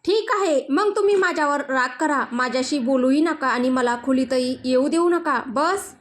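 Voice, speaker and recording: A woman's voice: sits high, natural voice. A woman voicing a flustered young wife who pleads and protests in a storybook. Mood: flustered pleading. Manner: pleading, sulky, quick to protest. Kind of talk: storybook dialogue.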